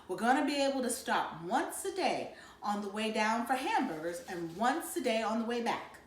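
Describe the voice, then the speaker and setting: A woman voicing an organized mother calmly laying out a family road trip plan. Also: fairly high pitch, moderate pace, a little hiss or hum. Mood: planning. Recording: roomy echo.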